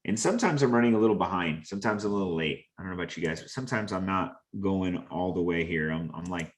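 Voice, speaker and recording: A man with a lowish voice delivers an earnest motivational talk to his listeners. He leans on repetition, circling back to the same phrases to drive each point home. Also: quick pace. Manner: earnest, preachy, repeats phrases for emphasis. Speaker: host.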